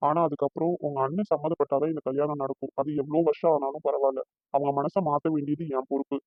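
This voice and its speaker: A man voicing a loving young fiancé in a cartoon, gentle and reassuring. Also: on the high side, level tone, no echo, narrow, tinny audio, lightly acted. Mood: earnest. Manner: gentle, reassuring, fast-talking. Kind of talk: cartoon voice acting.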